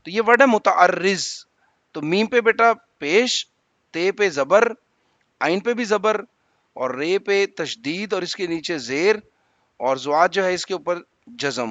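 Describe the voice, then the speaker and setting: Lively, high-voiced male teacher. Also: no room sound, muffled recording. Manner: patient, calls listeners "beta", spells out vowel marks letter by letter. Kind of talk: explaining exam answers to students.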